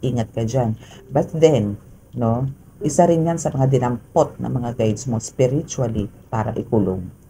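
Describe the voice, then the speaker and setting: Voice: mid-range voice, unhurried, warm tone, slight background noise, low-quality recording. A tarot reader with a Filipino accent gives a casual spoken reading, chatty and full of tag questions and fillers.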